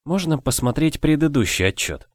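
A man reading an audiobook, voicing a spirited young noble wife in a raised, lively voice. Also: fairly high pitch, no echo, studio quality, voice pushed up. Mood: explaining. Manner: quick, lively, prickly.

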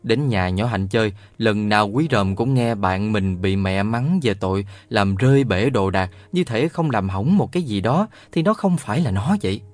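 A man narrating a children's novel aloud in a lively storytelling manner. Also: fairly low pitch, moderate pace, few pauses, no room sound. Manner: lively storytelling, voices all the characters. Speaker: audiobook narrator.

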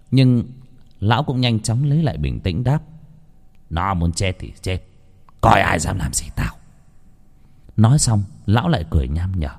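A man narrating a ghost story in a dramatic, expressive manner. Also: lowish voice. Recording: faint background music.

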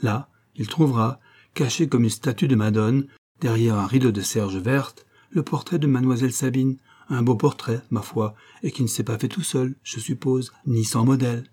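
A man's voice: mid-range voice, normal speed, dark tone, slightly rough, close to an everyday voice. A man voicing a sly, mocking old male law clerk in an audiobook, with a sneering, ironic manner.

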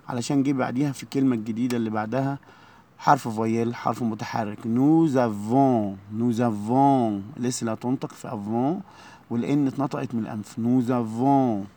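A man with an Egyptian Arabic accent teaching French to young pupils, saying each word slowly and repeating it. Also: mid-range voice, darkish tone. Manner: slow, repeated drilling of words. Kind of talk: classroom lesson.

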